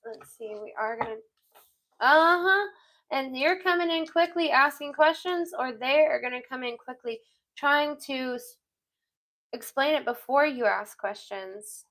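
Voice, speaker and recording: A woman's voice: sits high, a little slow, fairly bright tone, low-quality recording. A woman giving a casual, blunt intuitive reading, chatting freely and swearing now and then. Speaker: tarot reader.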